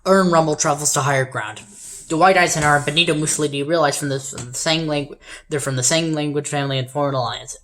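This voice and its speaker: A woman's voice: low-pitched, fast talker, fairly bright tone, a little hiss or hum. A woman casually reading out the events of a game simulation, tripping over names and adding sheepish, wry asides. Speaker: game player narrating events.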